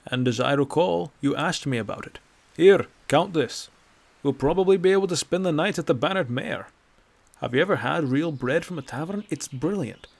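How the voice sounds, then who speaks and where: A man's voice: a little high, lively intonation, normal speed, vocal fry, pitched above the performer's own voice. A man voicing a sardonic old male Nord traveler with a dry, lecturing manner, in a read-aloud fantasy story. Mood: wry. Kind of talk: audiobook character voice.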